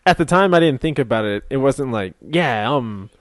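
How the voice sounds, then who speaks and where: A man's voice: medium pitch, animated, no room sound, studio quality. A man co-hosting a podcast, joking and rambling in casual chat. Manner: joking, rambling, quick to laugh. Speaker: podcast co-host.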